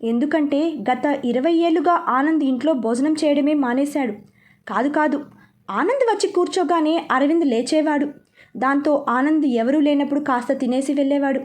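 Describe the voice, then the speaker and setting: A woman reading aloud a serialized novel as storyteller, steady and expressive. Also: sits high, moderate pace. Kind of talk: scripted narration of a serialized novel.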